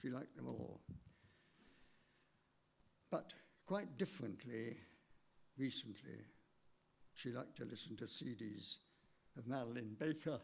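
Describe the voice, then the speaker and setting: An older man, giving a measured, halting eulogy for his late wife in a church, read from notes with small stumbles. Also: mid-range voice, lively intonation, creaky, breathy edge.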